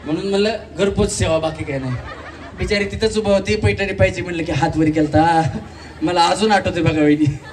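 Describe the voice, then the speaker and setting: A man hosting a live game show on an event stage, teasing contestants and shouting rhythmic game calls. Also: high voice, fairly even intonation, fairly quick. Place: community event stage with audience. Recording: distant mic, faint crowd and noise.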